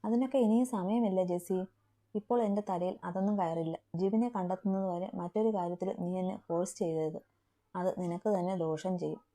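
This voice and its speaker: A brooding, intense young man, stern and possessive with his lover, as a woman reads him aloud. The voice sits dark and mellow. It comes from a romantic audio story. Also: on the low side, fairly even intonation, fairly quick. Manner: stern then tender.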